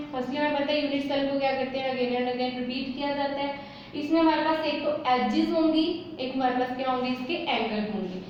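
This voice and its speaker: High-voiced woman teaching in an echoey room. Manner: asks questions and answers them herself, mixing English terms into Hindi. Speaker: chemistry teacher. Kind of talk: classroom lesson explaining at a board. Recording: very echoey room, dull lo-fi sound, faint noise.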